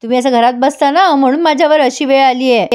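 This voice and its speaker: A woman voicing a sharp-tongued, jealous young wife who taunts her husband. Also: high voice, fast, lightly acted. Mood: angry taunting. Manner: scolding, taunting.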